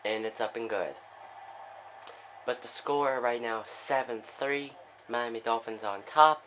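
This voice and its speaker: A young man giving casual play-by-play commentary on a football video game, with excitable bursts on big plays and chatty asides. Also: mid-range voice, unhurried, a little hiss or hum, low-quality recording.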